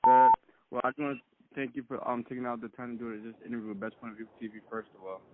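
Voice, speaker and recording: Male interview host, relaxed short questions, lo-fi phone line. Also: mid-range voice, quick pace, very noisy. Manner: relaxed, brief questions, says okay often. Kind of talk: casual interview. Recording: tinny phone-line sound.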